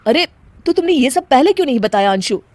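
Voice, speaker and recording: A woman's voice: high voice, big pitch swings, quick pace, darkish tone, no echo, voice pushed up. A woman voicing a young husband who speaks firmly. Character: young husband, calm and worried.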